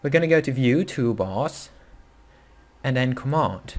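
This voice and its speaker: In a screen-recorded beginner coding tutorial, a young man from the Netherlands explains things in English, his second language, with a Dutch accent. He sounds animated, with an ordinary middle pitch, and his casual, halting speech is full of fillers and quick self-corrections.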